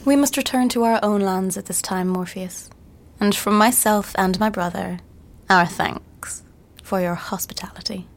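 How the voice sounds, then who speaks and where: An actress playing a proud, fragile fairy noblewoman with a breathy voice and a courtly, indignant manner, in an audio drama. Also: mid-range voice, measured pace, lightly acted. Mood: polite, courtly. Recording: music behind the voice.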